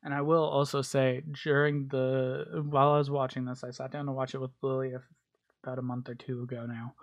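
A man's voice: medium pitch, flat delivery, fairly quick, creaky, dull audio. A man hosting a podcast alone, recapping a bad movie in a rambling, crude, joking way with lots of fillers. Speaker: podcast host. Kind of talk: casual solo movie recap.

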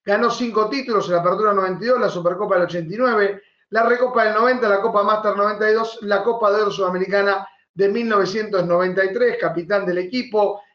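A man with an Argentine accent and a high voice co-hosts football talk, laying out history and statistics. The sound is dull and bounces around the room. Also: fast, few pauses, a bit bright. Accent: Argentine Spanish. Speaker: football show co-host. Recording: muffled, echoey room sound.

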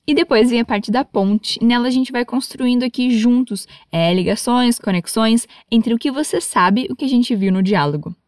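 A woman's voice: a little high, normal speed, few pauses, a little mellow, no echo, clean studio sound. A Brazilian woman with a Brazilian Portuguese accent, teaching English in a patient, encouraging, playful way. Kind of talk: lesson for learners.

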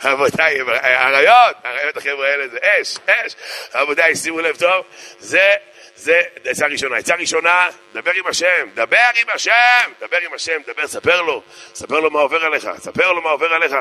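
A man's voice: a little high, sharp tone. A man, a rabbi, preaching with humor: telling jokes and anecdotes, repeating key phrases for emphasis. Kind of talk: humorous sermon.

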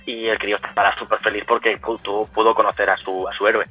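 A young man speaks quickly, chatting away as an interview guest. His voice is bright and forward. He stops and restarts his sentences as he goes, and quiet music plays faintly behind him. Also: on the low side, level tone, breathy edge, rough recording. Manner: chatty, many restarts and self-corrections. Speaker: guest cosplayer. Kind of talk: casual storytelling.

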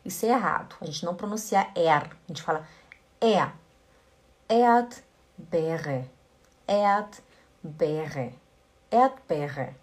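A woman teaching German pronunciation in a casual video lesson, patiently repeating each word slowly. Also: lowish voice.

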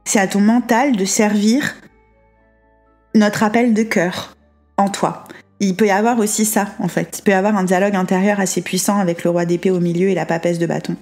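A woman giving a tarot reading in a fast, chatty way, with frequent asides and check-ins to the listener. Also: mid-range voice, steady tone, a little mellow, faint music behind. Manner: quick, chatty, with many asides and checks like "hein" and "d'accord"; switches to slow, careful reading when reading card text aloud. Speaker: tarot reader. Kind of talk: casual spoken tarot reading.

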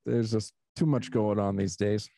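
A man hosting a casual podcast, easygoing and quick to laugh. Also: lowish voice, steady tone, mellow. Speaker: podcast host. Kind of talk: casual interview chat.

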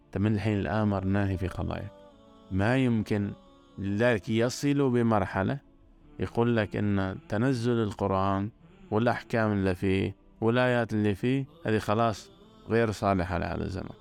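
A man's voice: fairly low pitch, a little fast, vocal fry, a little mellow, soft background music. A man giving an earnest religious talk, stressing points by repeating words. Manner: earnest, repetitive emphasis.

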